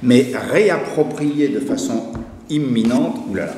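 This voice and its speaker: Man, conference speaker, academic paper reading, halting restarts off-script, echoey university hall, long reverb. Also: mid-range voice, animated, a little mellow. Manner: reads a prepared text, then hesitant with restarts when speaking freely. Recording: echoey hall recording with faint noise.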